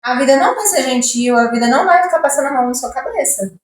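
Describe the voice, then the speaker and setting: A woman's voice: high-pitched, lively intonation, quick pace. A woman in casual podcast chat, giving firm opinions and telling stories from her own childhood. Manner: opinionated, tells personal anecdotes. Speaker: podcast co-host. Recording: echoey room.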